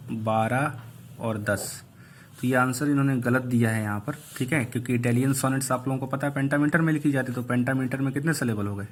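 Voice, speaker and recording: A male English teacher going through exam questions one by one, reading each aloud slowly and explaining the answers. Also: mid-range voice, slight background noise. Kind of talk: online exam answer review.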